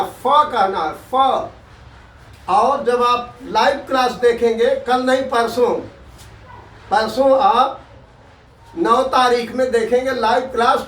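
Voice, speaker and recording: A man teaching an Urdu alphabet class, drawing out each letter sound and repeating it slowly for his students. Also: very high-pitched. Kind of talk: slow alphabet lesson. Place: tuition classroom. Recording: echoey room, mic at a distance.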